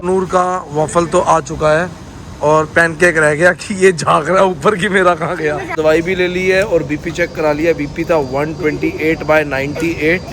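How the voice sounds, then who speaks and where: A man's voice: on the high side, steady tone, moderate pace, fairly bright tone. A man filming a casual family vlog outside a row of shops, chatting and joking as he describes what is going on around him. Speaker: family vlogger. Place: outdoors at a busy street of shops. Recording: noisy outdoor street recording. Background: traffic and street noise.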